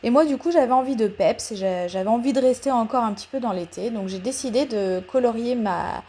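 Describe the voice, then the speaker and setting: A woman talking through a paper craft tutorial in a voice-over, hesitant, with many pauses and fillers, explaining each step patiently. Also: on the high side, warm tone, a little hiss or hum.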